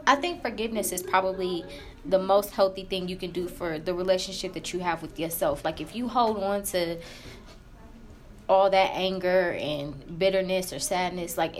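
A woman co-hosting a podcast in casual chat, talking in a candid, colloquial and emphatic way. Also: on the low side. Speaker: podcast co-host. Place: room in a library.

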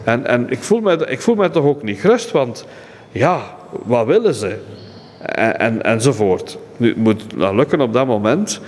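A middle-aged man with a Flemish accent, a friar guiding a tour, telling stories haltingly with many fillers and restarts. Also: medium pitch, lively intonation, a little mellow. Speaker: friar and monastery guardian. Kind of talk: guided-tour conversation. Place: indoor exhibition centre. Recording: echoey hall, faint ambience.

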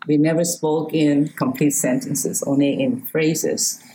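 In this interview, an elderly poet from Hawaii reads poems and shares childhood memories in a slow, measured, reflective manner with a Hawaiian accent. She has a low, dark voice with fairly even intonation, captured in a rough recording with a little background noise.

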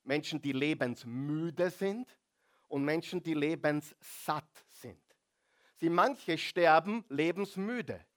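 A male pastor preaching a sermon, drawing out key words and asking the congregation to repeat phrases after him. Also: a little high. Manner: calls on the congregation to repeat phrases, drawn-out emphasis.

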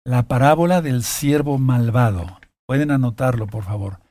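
A man with a dark, mellow voice teaches from the Bible in a deliberate, repetitive way. He reads passages aloud, then breaks off to speak straight to his listeners. The sound is dry and close, with little room in it. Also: medium pitch, dry recording. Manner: slow, deliberate, repeats key phrases. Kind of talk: sermon-style Bible teaching.

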